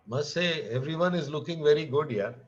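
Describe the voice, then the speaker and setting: A man's voice: a little high, fairly quick, a little hiss or hum. A man with an Indian accent chatting casually and jokingly on a group video call, switching between Hindi and English. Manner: joking, informal. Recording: dull lo-fi video call audio.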